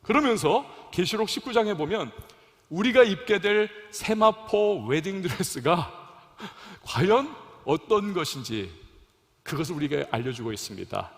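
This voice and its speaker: A young man preaches from the pulpit in a high, lively voice that rises and falls sharply for emphasis. He throws questions out to the congregation and lets his voice drop to near quiet at the ends of phrases. The sound rings with the long reverb of a church sanctuary. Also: unhurried. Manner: preaching with call-and-response to congregation; dramatic swings between loud emphasis and soft drops. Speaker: pastor. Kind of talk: sermon.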